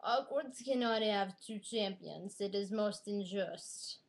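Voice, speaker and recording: A middle-aged smoker played by a woman reads a fantasy storybook aloud. The voice is raspy and affected, with a theatrical delivery at a medium pitch. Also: slow. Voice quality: smoker's rasp. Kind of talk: dramatic storybook reading.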